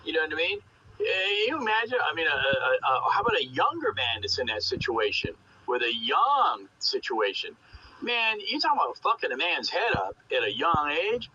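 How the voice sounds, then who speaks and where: A man's voice: fairly high pitch, sing-song, normal speed, sharp tone. A man chatting casually over CB radio, opinionated and emphatic, rambling along with coarse swearing. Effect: CB radio transmission. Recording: muffled noisy CB radio transmission.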